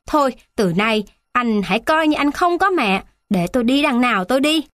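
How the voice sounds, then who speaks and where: A woman's voice: on the high side, animated, normal speed, fairly bright tone, no room sound, pitched above the performer's own voice. An elderly grandmother, hurt and indignant, pleads her case in a raised, plaintive voice, as a woman narrator puts her on. The reading is dry and close, with no room around it. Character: aggrieved elderly grandmother, proud and wounded.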